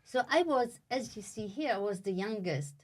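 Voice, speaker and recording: A woman's voice: medium pitch, expressive, moderate pace, a little mellow. A middle-aged woman from Bethlehem, a religious sister with a Palestinian Arabic accent, speaking English as a second language and sometimes searching for words in a casual interview.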